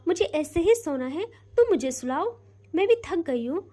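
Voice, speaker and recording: A woman's voice: very high voice, expressive, moderate pace, warm tone. A woman voicing a playful, affectionate young woman who teases and coaxes her upset wife. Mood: tender. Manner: teasing, sweet-talking.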